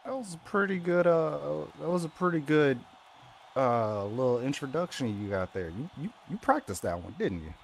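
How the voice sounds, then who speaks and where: Man playing a slow, emphatic pro wrestler calling someone out. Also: mid-range voice, slight background noise. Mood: confrontational. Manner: deliberate, emphatic, with drawn-out words. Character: swaggering male pro wrestler calling out the champion. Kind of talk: in-ring wrestling promo.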